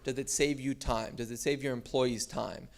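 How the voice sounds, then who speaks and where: A man's voice: mid-range voice, steady tone, normal speed, gravelly. A man from Miami giving a conference talk on starting an education company, speaking loosely with frequent fillers and restarts. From Miami, United States.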